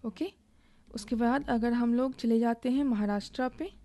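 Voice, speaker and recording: Slow-talking woman teacher, gravelly voice. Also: on the high side, mellow. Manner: explains slowly while writing, asks and answers own questions. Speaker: exam coaching teacher. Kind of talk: recorded online lesson, Hindi with English.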